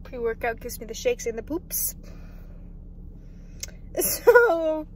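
Fairly high, very animated, slightly mellow and husky, her voice takes things slowly. She's an eighteen-year-old vlogging casually in a car parked at night, phone camera held or propped close, chatting in a self-mocking way and swearing freely.

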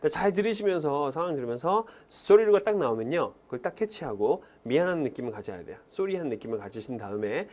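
A man teaching an English lesson in Korean, animated, who keeps urging learners to repeat phrases aloud. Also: on the high side, fast, hardly any pauses. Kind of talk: lively classroom lecture.

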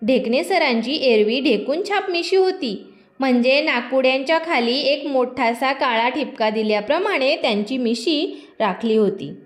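Lively high-voiced woman storyteller. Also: moderate pace. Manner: lively, expressive reading. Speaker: children's storyteller. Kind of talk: storybook narration for children.

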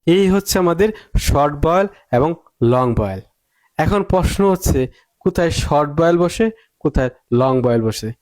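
Male English tutor, higher-pitched, drills with rhetorical questions, dry close mic. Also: lively intonation, moderate pace, long pauses, darkish tone, no room sound. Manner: emphatic, repeats points and asks rhetorical questions. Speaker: English teacher. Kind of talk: spoken English lesson.

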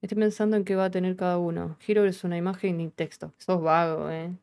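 Talking fast in a slightly low, clean, somewhat mellow voice, a Rioplatense Argentine woman runs a casual live coding stream. Her tone stays level as she reasons out loud and swears freely.

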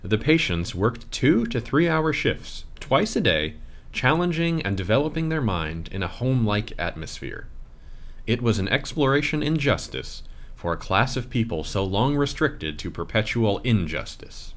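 A man reading a scripted audio tour narration in a measured, expressive way. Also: medium pitch.

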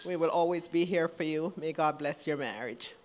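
Cousin giving a lively wedding toast. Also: medium pitch, moderate pace, big-room sound. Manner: lively, laughing between lines. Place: wedding reception hall.

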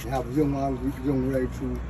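A man in his fifties with a Jamaican accent, a farmer giving short, soft-spoken answers. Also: medium pitch, level tone, normal speed. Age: 50s. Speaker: sorrel farmer. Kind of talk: casual interview answers. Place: outdoors at a rural farmyard.

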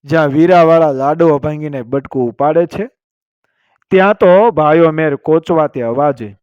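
A man reading a folk tale aloud as a storyteller, in steady, dramatic narration. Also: a little high, normal speed, clear, resonant tone, no echo. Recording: dull lo-fi and dry.

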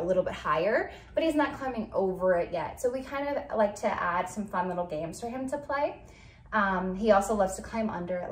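A young woman giving a casual product review and demo in her living room, chatty, with lots of ums and likes. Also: medium pitch. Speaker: parenting vlogger. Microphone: far camera. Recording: roomy sound from a distant camera mic.

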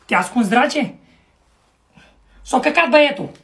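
A man voicing a loud, nagging rural young wife in a comedy sketch, shouting in a shrill voice. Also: animated, full character voice.

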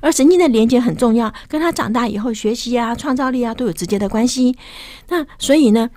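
Fast-talking older woman professor explaining. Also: fairly high pitch, dark tone, no echo. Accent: Taiwanese Mandarin. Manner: explanatory, with English terms mixed in. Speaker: professor and guest. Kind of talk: radio interview, explaining science.

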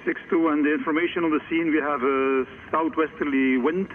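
A man's voice comes through a marine radio link, slightly higher than most men's, as a coast guard operator runs formal call procedure. He reads positions out in a measured, methodical way and closes each message with "over". The sound is muffled and dull, with a clear hiss of static underneath. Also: steady tone. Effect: marine radio transmission.

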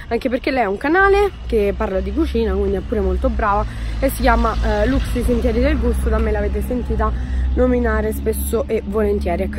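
A woman's voice: on the high side, noisy background. Chatty young woman. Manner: chatty, joking, lots of fillers. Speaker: vlogger. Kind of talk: casual vlog chat.

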